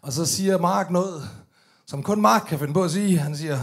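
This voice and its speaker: A young man telling a story at a live show in a tent, animated and full of swearing, bursting into shouts for the lines he quotes. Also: high voice. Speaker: rapper telling a story on stage.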